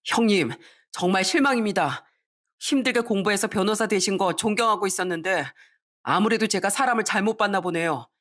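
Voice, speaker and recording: A woman's voice: mid-range voice, fairly quick, fairly bright tone, close to an everyday voice. An indignant young man, voiced by a woman, earnest and reproachful as he lectures an older relative. The tone is firm and disappointed.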